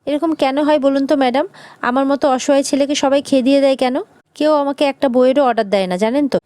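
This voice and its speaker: A woman's voice: sits high, quick pace, dark tone, no room sound, clean studio sound, pitched above the performer's own voice, lightly acted. A woman voicing a bashful man, a book salesman, who pleads and whines for an order. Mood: pleading. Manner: whiny, pleading.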